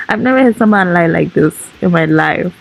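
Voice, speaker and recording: A woman's voice: lowish voice, fairly quick, vocal fry. A woman from Africa with an African accent, ranting emphatically and repeating her points in a clip. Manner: emphatic, repeats points, calls people liars. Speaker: social media commentator. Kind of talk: indignant rant. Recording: slightly dull, lo-fi audio.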